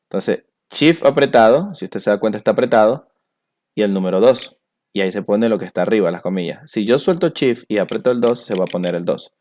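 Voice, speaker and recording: A man's voice: on the low side, expressive, brisk, darkish tone. A man teaching a computer class, explaining each step patiently. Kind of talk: screen-recorded software tutorial.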